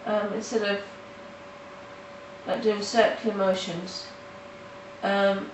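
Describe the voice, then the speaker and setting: With a medium-pitched voice and flat delivery, nasal from hay fever, a woman narrates a casual coloring tutorial at her home in the countryside. Her speech is halting, full of restarts and fillers, recorded from afar in a roomy space with faint noise.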